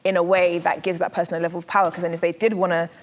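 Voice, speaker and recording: A woman in a casual panel debate who calmly sums up the others' views and sees both sides. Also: on the low side, rapid-fire. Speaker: panel participant.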